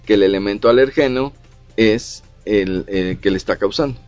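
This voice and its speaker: A middle-aged man's low-side, darkish voice moves at normal speed over soft background music, in a dry recording. Co-hosting a casual radio talk on psychology, he explains at length and keeps dropping fillers like "o sea" and "¿no?".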